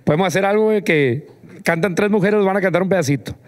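A middle-aged man hosts a casual studio chat into a handheld mic. He talks in a loose, slangy way and repeats words as he goes. His voice sits slightly high. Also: quick pace. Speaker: host. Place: music studio set.

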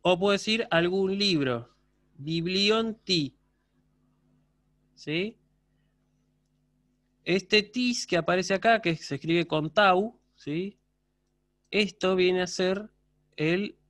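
Male university lecturer, higher-pitched, patient explainer on a video call, dry sound. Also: fairly bright tone, dry recording. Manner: patient, explanatory, checks understanding with frequent questions. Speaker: university teacher. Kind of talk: online class lecture.

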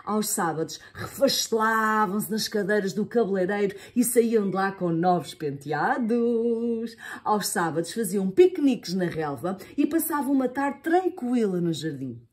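A woman's voice: mid-range voice, unhurried, husky. Playful woman reading a children's story. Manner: playful, expressive sound effects.

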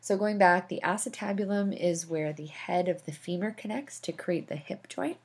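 A woman's voice: lowish voice, moderate pace, husky. A woman instructor explaining anatomy over slides, with casual asides and fillers. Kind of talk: recorded slideshow lecture.

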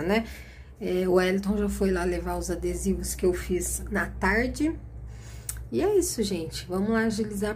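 A woman's voice: medium pitch, darkish tone, a little hiss or hum. Chatty woman vlogging at home. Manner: chatty, keeps addressing viewers as "gente". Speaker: cake decorator vlogger. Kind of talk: casual vlog narration.

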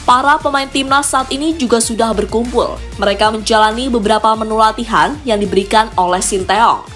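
Female news narrator, a bit high-pitched, even scripted read, faint music bed. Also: a little fast. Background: background music.

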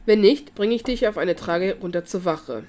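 A woman's voice: medium pitch, normal speed, darkish tone, lightly acted. A woman reading the lines of a brutal, coolly menacing male police detective in a taunting manner.

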